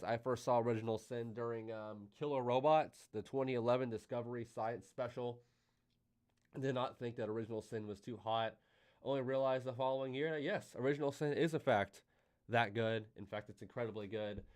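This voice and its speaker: A man hosting a live stream, talking with excitable, animated swings in volume and pitch, and a little out of breath. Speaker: livestream host.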